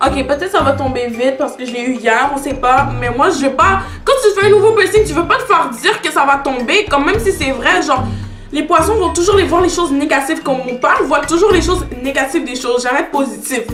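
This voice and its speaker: High-voiced Québécoise teen vlogger, echoey. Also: female voice, a little fast, a bit bright, faint music behind. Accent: Québécois French. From Canada. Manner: chatty, switching between French and English. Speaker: YouTuber. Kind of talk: casual chat to camera.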